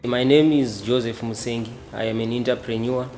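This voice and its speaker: A man's voice: mid-range voice, fairly even intonation, fairly quick, darkish tone, soft background music. A man of 28 with a Zimbabwean English accent, an entrepreneur speaking earnestly in an interview. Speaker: contestant entrepreneur. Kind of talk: on-camera interview. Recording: echoey room with faint ambience.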